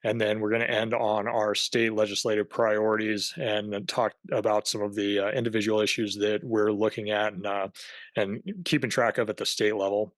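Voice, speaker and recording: A man presenting on a video-call webinar as a government affairs director, speaking haltingly with many fillers and restarts. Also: fairly low pitch, flat delivery, no echo.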